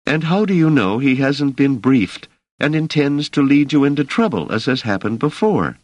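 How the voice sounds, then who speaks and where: A man voicing a sharp, protective woman who questions everything. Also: medium pitch, expressive, no room sound, pitched above the performer's own voice, natural voice. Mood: skeptical. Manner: skeptical, brisk.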